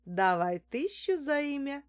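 A woman reading an audiobook, voicing a disguised female fortune-teller with a squeaky, theatrical, wheedling way of talking. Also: sing-song, a little slow.

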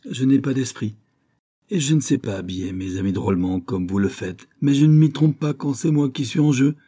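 A man's voice: mid-range voice, expressive, normal speed, mellow, breathy edge, pitched above the performer's own voice. A man voicing a jealous, bullying middle-aged rich husband who talks in a resentful, blustering and insistent way. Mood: angry resentment.

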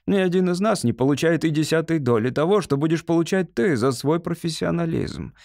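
A man reading an audiobook, voicing a scheming male alien general in a raised, smooth, unhurried voice. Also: fairly high pitch, expressive, darkish tone, no echo, clean studio sound, pitched above the performer's own voice. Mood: smug bargaining. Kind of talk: audiobook character voice.

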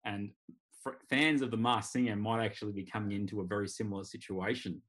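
An Australian man with a fairly low voice hosts a casual sports chat. He rambles along wryly, in a conversational podcast style. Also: fairly even intonation, fast, fairly bright tone. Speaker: podcast host. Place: remote video call.

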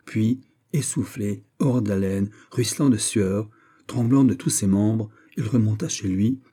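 Dark husky male audiobook reader. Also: lowish voice, unhurried. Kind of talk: scripted audiobook narration of a classic novel.

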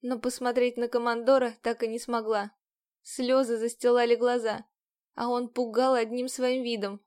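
A woman narrating an audiobook in the first person, with even, measured storytelling. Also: on the high side, smooth.

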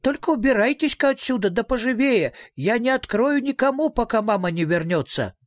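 A reader voicing a small, whiny, melodramatic girl creature in a storybook, high and tearful. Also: animated, a little fast, no echo, studio quality, lightly acted. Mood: whiny, dramatic. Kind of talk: audiobook character voice.

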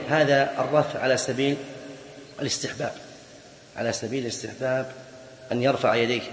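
Male teacher, mid-pitched voice, lecturing point by point with rhetorical questions, in a roomy hall with long reverb. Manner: explains point by point, repeats key phrases, asks rhetorical questions. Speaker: Islamic jurisprudence teacher. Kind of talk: classroom lecture on a fiqh text.

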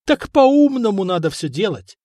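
A man's voice: sing-song, moderate pace, darkish tone, no echo, studio quality. A man voicing a spiteful, scheming middle-aged wife of a chieftain who scolds and mocks her husband. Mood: vengeful. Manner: shrill, scolding, mocking. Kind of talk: audiobook character voice.

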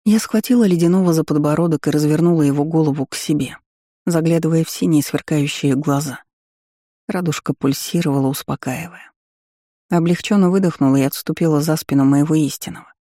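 A man reading a fantasy audiobook as a steady, expressive first-person narrator. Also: fairly high pitch, a little fast, no echo, studio quality.

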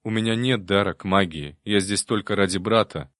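A man's voice: on the low side, a little fast, fairly bright tone, no echo, clean studio sound, natural voice. A man voicing a frightened, stubborn young novice monk who talks in a desperate, pleading way. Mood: anxious.

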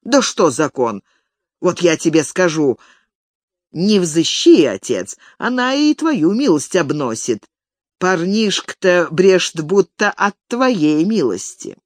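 A reader voicing an old male village elder who grovels and pleads with his master, raising the voice high and thin. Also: very animated, slow, no echo, studio quality. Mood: wheedling. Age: older. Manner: wheedling, tearful pleading. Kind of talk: audiobook character reading.

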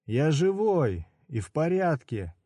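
Brief: a male reader plays a frantic hot-tempered man in agony, yelling high and shrill, storybook reading, dry sound. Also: big pitch swings, takes it slowly, no room sound, full character voice.

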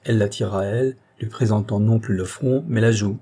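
A man reading a classic novel aloud as an audiobook narrator, steady and expressive. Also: fairly low pitch, a little fast, breathy edge.

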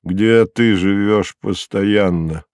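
A man's voice: on the low side, slow pace, dry recording, studio quality. A man doing a dull-voiced, weary Roman procurator. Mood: cold. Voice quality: dull, flat voice. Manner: quiet, cold interrogation.

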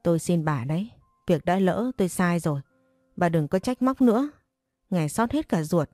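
A middle-aged father in debt, by turns pleading and defensively grumbling, as a woman narrator puts him on. The voice is mellow and dry, and faint music plays behind it. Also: on the low side, lively intonation, normal speed, dry recording, natural voice.

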